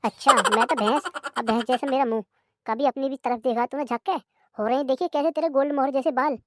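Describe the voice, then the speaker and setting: A woman voicing a nagging, sharp-tongued young wife in a cartoon comedy, scolding and complaining loudly. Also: high voice, fairly even intonation, fast talker, lightly acted. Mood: indignant.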